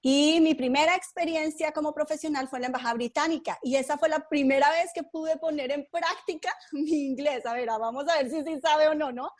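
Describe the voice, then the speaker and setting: A woman from Colombia, a podcast guest, telling her story in an unhurried, thoughtful way with frequent fillers. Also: high-pitched. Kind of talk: conversational interview.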